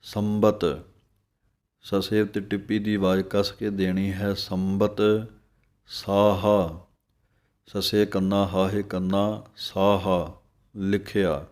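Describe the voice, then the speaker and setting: Man with a Punjabi accent, low flat voice, teaching recitation at a very slow pace. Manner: slow, drawn-out recitation alternating with explanation. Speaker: religious teacher. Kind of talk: slow pronunciation lesson.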